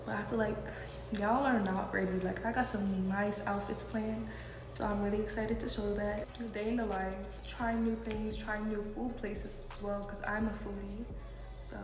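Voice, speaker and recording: A young woman from the United States with a cold and a stuffy, blocked nose, chatting casually and informally as she answers questions for a vlog. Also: on the high side. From United States, partly New York City. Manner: informal, frequent "like". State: sick with a head cold. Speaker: video blogger. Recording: echoey reverberant room with music.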